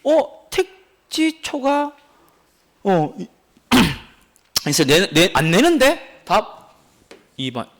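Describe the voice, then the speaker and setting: A man lectures to exam students with a fairly high voice. His pitch swings widely as he teases the class and keeps firing questions at them. His delivery is animated and talkative throughout. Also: extremely slow, long pauses. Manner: animated, teasing, asks the class many questions. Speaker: real estate exam lecturer.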